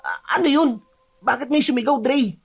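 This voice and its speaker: A man's voice: extremely high pitch, moderate pace, creaky, slightly rough, heavily acted. Man doing a nervous young city dude, whiny and scared, horror story dialogue, faint music under it.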